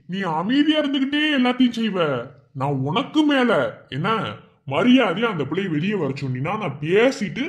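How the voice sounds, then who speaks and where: Guy voicing a menacing madurai village thug in a cartoon, high lively voice, threatening. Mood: taunting. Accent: Madurai Tamil. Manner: taunting, threatening, rural slang. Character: menacing young village man, hot-tempered bully. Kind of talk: animated cartoon voice acting.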